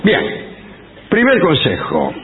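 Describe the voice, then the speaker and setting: A man's voice: on the high side, wildly swooping pitch, takes it slowly, slight background noise. A man with an Argentine accent hosting a comic radio show, reading safety advice in a mock-solemn, ironic way. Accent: Argentine Spanish. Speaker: radio host. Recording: phone-like radio broadcast.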